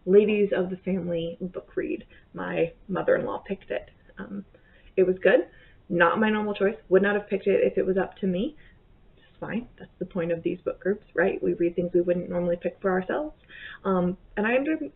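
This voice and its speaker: A gravelly, medium-pitched woman in her thirties chats casually about what she read this month, rambling and correcting herself as she goes. She's a book vlogger recording indoors in a bedroom or home office on her desk webcam, and the sound comes out tinny, almost like a phone.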